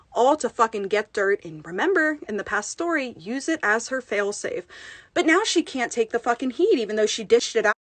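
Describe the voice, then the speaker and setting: A woman's voice: on the high side, no room sound. A woman ASMR creator ranting in an angry call-out, swearing heavily and stumbling over restarts, upset and shaken. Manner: heated, swearing, halting restarts.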